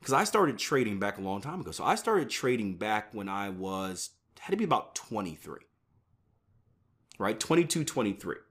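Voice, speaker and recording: A man in his early thirties teaches in an easy, conversational way, as if chatting with his audience. His voice sits a little low. He keeps tossing in "right?" to keep listeners with him. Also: very animated, normal speed, fairly bright tone. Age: 30s. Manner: conversational, repeats "right?" often. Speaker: trading educator. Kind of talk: casual talk to viewers.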